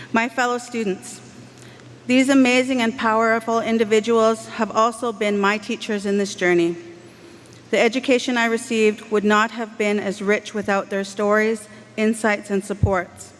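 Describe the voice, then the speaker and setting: A woman from Canada giving a formal graduation address, measured, earnest and heartfelt, speaking into a podium microphone. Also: a little high, flat delivery. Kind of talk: formal convocation speech. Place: large indoor ceremony hall. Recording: long hall reverb, faint background hiss.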